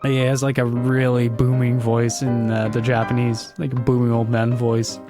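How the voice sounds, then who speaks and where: A man's voice: medium pitch, monotone, normal speed, over music. A man giving casual live-stream commentary as he plays a game.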